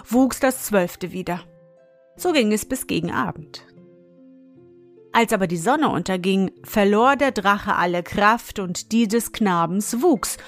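A woman reads a fairy tale aloud, slowly and calmly. Her pitch sits in the middle of the range. Soft music plays faintly behind her. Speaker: narrator.

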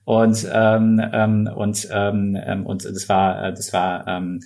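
A man in his thirties speaks in a low voice during a casual interview. He talks haltingly, full of fillers and restarts as he searches for words. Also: monotone, darkish tone. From born in Ukraine, raised in Berlin. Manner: hesitant, many fillers and restarts. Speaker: company founder, guest.

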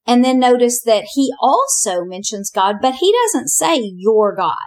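A woman teaching a Bible lesson in a conversational, animated way. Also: on the high side, normal speed. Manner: chatty, animated, often says "you know".

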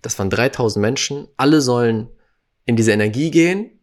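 A man's voice: mid-range voice, expressive, a little fast. A man talking earnestly and emphatically in a casual reflective conversation, now and then acting out quoted voices.

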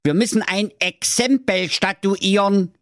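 A man's voice: high-pitched, a little slow, a bit bright, no echo, studio quality, voice pushed up. A man voicing an irritable, blustering old fairy-tale brother who scolds in cranky outbursts. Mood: scolding.

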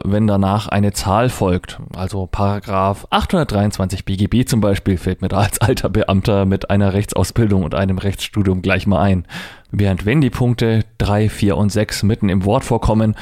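With a lowish, darkish voice, a middle-aged presenter walks Braille users through a device in a conversational, step-by-step tech tutorial. He explains as he goes, spelling out letters and dot numbers. The recording is studio quality with no room sound.

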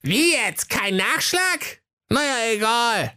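A man's voice: extremely high pitch, big pitch swings, slow pace, pushed and bright, clear, resonant tone, pitched above the performer's own voice, exaggerated voice. A man voicing a sulky, skinny, always-hungry boy in a comedy fairy-tale audio story. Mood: whiny. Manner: whiny, sulky.

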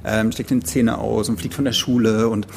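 A man's voice: on the low side, little pitch movement, a little fast, vocal fry, slight background noise. A man from eastern Germany co-hosting a literary podcast, talking through a novel in a rambling, thoughtful way with many restarts. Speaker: podcast co-host. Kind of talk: casual book discussion.

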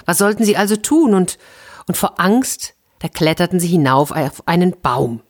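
A woman storyteller reading a children's story in a gentle, lively way with playful repetitions. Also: on the low side, normal speed.

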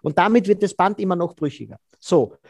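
A man, a body language expert being interviewed, who explains in a lively way and acts out quoted dialogue. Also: sits high, brisk, no room sound, clean studio sound.

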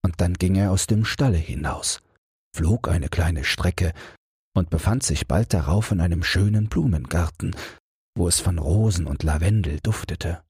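Deep husky man reading a bedtime story. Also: moderate pace, darkish tone, no echo, studio quality. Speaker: audiobook narrator. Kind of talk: calm bedtime audiobook narration.

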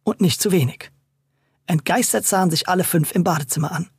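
A storyteller reading a scripted children's story in a lively, playful way. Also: mid-range voice, a little fast, husky, no room sound, clean studio sound.

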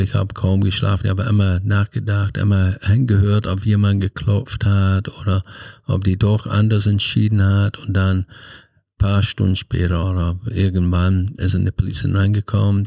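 Low, gravelly man from Scotland. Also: warm tone, no room sound, studio quality. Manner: earnest, halting storytelling in non-native German. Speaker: podcast guest. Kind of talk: personal life story in an interview.

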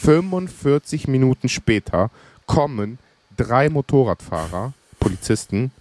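A man of Greek background, co-hosting a podcast, telling a lively story in casual chat and acting out the other people's lines. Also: mid-range voice, measured pace. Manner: animated anecdote, acts out dialogue. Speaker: podcast co-host.

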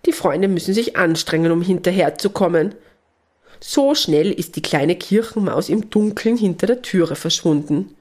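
Woman narrator, low, husky, gentle storybook reading. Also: expressive, moderate pace.

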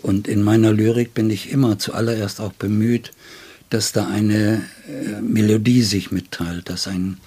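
A poet in his seventies, appearing as an interview guest, reflects on literature in a low, distinctly husky voice with a warm tone and little pitch movement. His phrasing is deliberate and halting as he carefully searches for words, settling on ornate, considered choices.

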